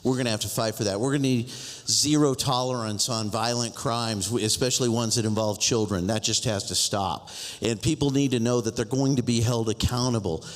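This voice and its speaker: A man's voice: medium pitch, fairly quick, hardly any pauses. An American man giving a campaign forum speech as a candidate, making short, emphatic declarative points. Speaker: mayor and political candidate. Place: public forum in a hall. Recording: echoey hall with long reverb.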